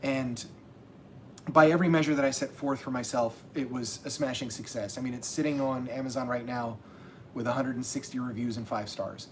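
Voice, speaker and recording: Casual livestream host, man, rambling and restarting, middle pitch, faint rumble behind. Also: fairly even intonation, a little fast. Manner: rambling, many restarts and fillers. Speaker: channel host and self-published author.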